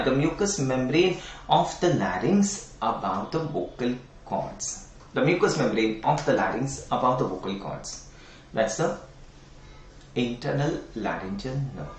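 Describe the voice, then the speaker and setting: In this online exam-prep lecture, a middle-aged Indian English–accented man teaches anatomy, repeating key terms and putting questions to students. His voice sits at medium pitch. The sound carries slight hiss or hum, picked up by a far-off mic in a room with echo.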